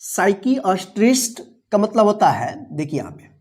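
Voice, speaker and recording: Speaking at normal speed with a darkish, medium-pitched voice that swings widely in pitch, a woman teaches English vocabulary in classroom style. She spells out each word letter by letter, asks learners questions, and patiently restates every answer and what it means.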